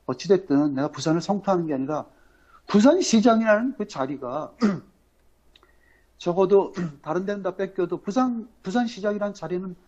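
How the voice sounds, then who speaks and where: A man from Incheon hosting a political livestream, talking in a rambling, halting way full of fillers and emphatic rhetorical questions. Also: high voice, a little mellow. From Incheon, South Korea. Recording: dull lo-fi audio.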